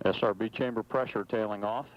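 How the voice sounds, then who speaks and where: A man's voice: fairly low pitch, steady tone, a little fast. A man giving flight commentary over mission control radio in clipped, matter-of-fact status reports. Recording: dull, noisy mission control radio feed.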